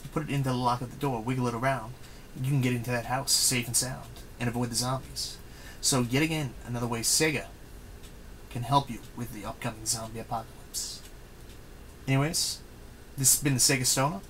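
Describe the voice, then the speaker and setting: Man, energetic youtube rant, emphatic and playful, medium pitch, faint background noise. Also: a little fast, low-quality recording. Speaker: guest video maker.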